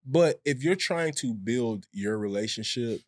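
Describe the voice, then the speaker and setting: An American man co-hosting a podcast, talking in an emphatic, animated way and laughing often. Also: medium pitch, a little slow, dry recording, studio quality. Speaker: podcast co-host. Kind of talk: casual chat.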